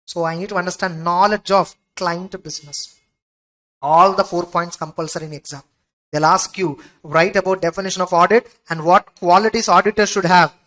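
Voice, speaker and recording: A woman's voice: lowish voice, steady tone, normal speed, a bit bright, poor audio. A woman with a Tamil Indian accent lecturing a class, emphatic and repetitive, often checking understanding with rhetorical questions. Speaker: audit exam teacher.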